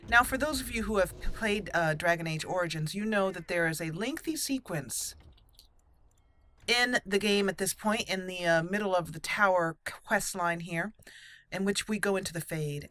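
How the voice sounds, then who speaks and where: This gaming channel host has a lowish, sharp voice and keeps her roleplay let's play commentary conversational and explanatory. Now and then she breaks off to voice the characters' lines.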